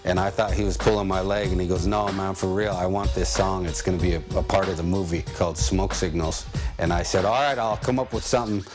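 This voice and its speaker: A man from the United States with a low voice telling a story on stage, easygoing and folksy, stopping to restart a word here and there. Music plays clearly behind him the whole time. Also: fairly even intonation, a little fast. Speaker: musician and comedian.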